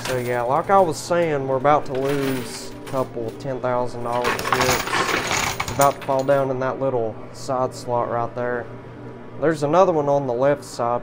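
A man's voice: mid-range voice, steady tone, moderate pace, background noise. A man giving upbeat running commentary while playing an arcade coin pusher machine as a channel host. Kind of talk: casual play-by-play commentary.

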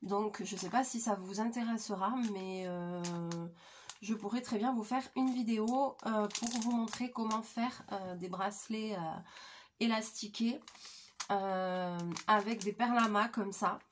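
A woman in her thirties with a voice hoarse from flu, chatting informally and with slang as she presents a craft tutorial. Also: mid-range voice, steady tone, measured pace, slight background noise. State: hoarse, croaky from flu, coughing. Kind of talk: casual craft tutorial chat. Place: small attic room indoors.

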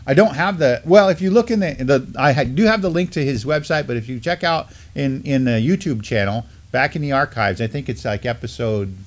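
A middle-aged man with a medium-pitched, animated voice co-hosts a morning news live stream from an indoor studio desk in front of a backdrop. He chats informally in a loose, conversational way that often halts and rambles.

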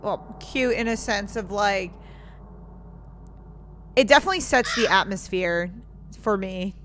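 A woman's voice: medium pitch, unhurried, fairly bright tone, a little hiss or hum. A young woman giving casual let's-play commentary, sometimes reading game text aloud as she plays. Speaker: game streamer. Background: faint game music.

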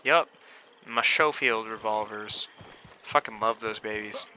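Bright-voiced man casually commenting on gameplay. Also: fairly low pitch, a little slow, slight background noise. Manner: rambling, hesitant, with casual swearing. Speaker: game streamer. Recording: dull lo-fi recording.

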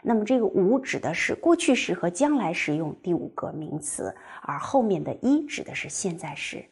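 A woman teaching a language class, explaining step by step and reading example sentences slowly and clearly. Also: on the low side, sing-song, a little mellow. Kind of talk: recorded classroom lecture.

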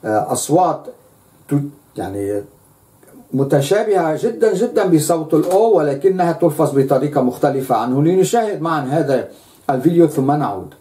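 A man's voice: a little high, animated, a little fast, mellow. A man giving a lecture, speaking emphatically and repeating words for stress.

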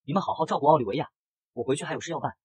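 A man's voice: fairly high pitch, rapid-fire, breathy edge, dry recording. A man voicing a cold, proud young vampire prince in a comic recap, curt and stern, close to his own narrating voice.

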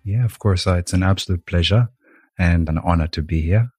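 A young man from Rwanda tells his life story as a podcast guest, soft-spoken and thoughtful. His voice sits very low and has a husky edge. The sound is dry and close, with no room around it. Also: brisk, no echo, faint music behind. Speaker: podcast guest, yoga teacher. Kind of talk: reflective storytelling in an interview.

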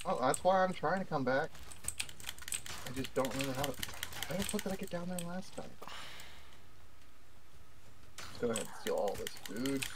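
A man's voice: medium pitch, expressive, normal speed, pauses often. Reassuring man gaming, noisy stream. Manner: reassuring, jokey, swears casually. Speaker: co-op gaming partner. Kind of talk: casual gameplay chat.

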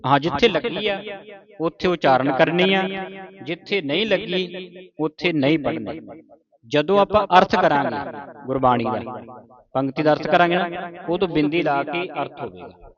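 Man teaching slow scripture pronunciation. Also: fairly high pitch, crowd noise. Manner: slow, syllable-by-syllable recitation with corrections; checks understanding with the class. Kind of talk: pronunciation lesson. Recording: dull lo-fi sound with a class answering.

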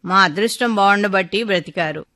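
A woman's voice: mid-range voice, a little fast, bright, forceful tone, lightly acted. Woman reading as a lamenting, distressed mother. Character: distressed middle-aged wife and mother. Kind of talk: storybook reading.

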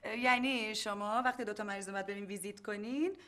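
An actress playing an eager young assistant who likes to show off, in TV sitcom acting. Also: female voice, mid-range voice, fairly even intonation, pushed and bright, close to an everyday voice. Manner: eager, showing off.

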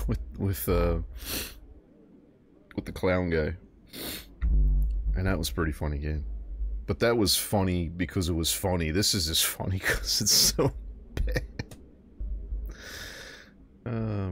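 A man's voice: low voice, a little hiss or hum. A man commentating a let's play casually, laughing helplessly and making crude jokes.

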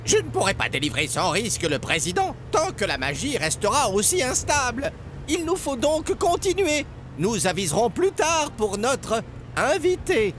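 A man's voice: very high-pitched, sing-song, normal speed, fairly bright tone, slight background noise, voice pushed up, heavily acted. Edgar, a man doing an eccentric old magician. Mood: pondering. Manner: theatrical mock oaths. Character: eccentric old male magician, theatrical and fussy.

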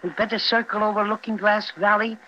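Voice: medium pitch, fairly even intonation, brisk, close to an everyday voice. An actor playing a small, folksy, fussy toy bear guiding children in 1930s radio style. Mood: chatty. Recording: dull, noisy 1930s radio recording.

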